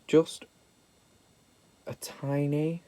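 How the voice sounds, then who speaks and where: Speaking extremely slowly, a young British man with a slightly high, warm voice and little pitch movement hosts a casual makeup tutorial vlog. He's camp, sweary and self-deprecating, and a cold with a sniffle leaves him a bit nasal.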